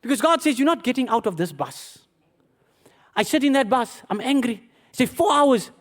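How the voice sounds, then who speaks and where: A man, a pastor, telling a personal testimony in a sermon, animated and self-mocking, calling his listeners beloved. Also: extremely high pitch, moderate pace.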